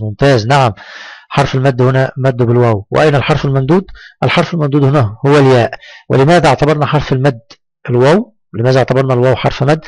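Male teacher drilling words slowly. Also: mid-range voice, gravelly, darkish tone, no echo, low-quality recording. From Egypt. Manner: drawn-out syllable-by-syllable drilling, praising pupils. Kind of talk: recorded lesson for schoolchildren.

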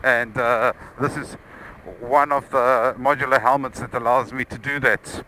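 A man's voice: medium pitch, steady tone, measured pace, pushed and bright, slight background noise, low-quality recording. Man talking inside closed motorcycle helmet. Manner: methodical, repeats points for emphasis. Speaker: motorcycle vlogger. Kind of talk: casual product review.

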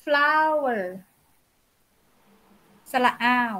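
Woman teacher with a high voice, talks slow, patiently drilling kids on english words. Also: bright, forceful tone. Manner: patient, coaching pronunciation sound by sound. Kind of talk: online English pronunciation lesson for children.

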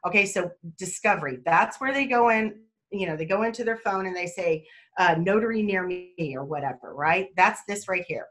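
A woman's voice: lowish voice, a bit bright. Chatty woman on a video call. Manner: chatty, rambling, quick to laugh. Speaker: mobile notary guest speaker. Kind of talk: excited casual webinar talk.

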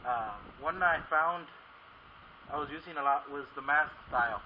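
A man's voice: a little high, moderate pace, slight background noise. A man from South Texas giving a casual, rambling product review outdoors, his voice muffled by a face covering. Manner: rambling, filler-heavy. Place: outdoors in the sun.

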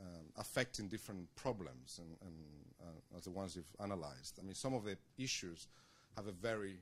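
Brief: lower-voiced man, audience questioner, measured and academic, stumbles over restarts. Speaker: audience member asking questions. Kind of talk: question at a panel discussion.

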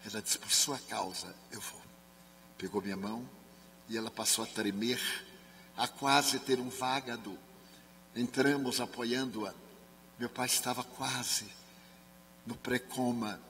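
Man, Spiritist speaker from Brazil, dramatic storytelling, soft murmured quotes, long hall reverb, faint hum. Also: medium pitch, a little slow, pauses often. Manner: dramatic storytelling, dropping to soft murmurs when quoting others. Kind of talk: seminar talk, personal storytelling. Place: large sports and culture hall.

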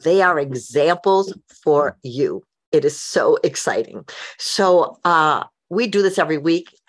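Woman podcast host, low voice, enthusiastic, upbeat interview intro. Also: expressive, unhurried.

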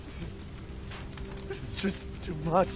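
A man's voice: a little slow, lightly acted. An actor voicing a desperate father who is searching for his daughter, urgent and strained. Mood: despairing. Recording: game audio over loud music.

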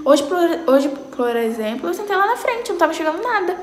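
A teenage girl chatting casually as she reacts to memes, playful and dramatic, jumping into high squeals. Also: big pitch swings, quick pace, a little hiss or hum. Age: teens. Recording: roomy echo.

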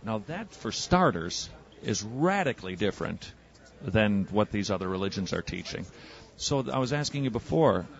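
Low-voiced man evangelizing outdoors, fast probing questions, muffled old radio recording. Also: very animated, creaky. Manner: probing, rapid-fire questioning. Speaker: street evangelist and radio host. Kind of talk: street debate. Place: outdoors on a city street.

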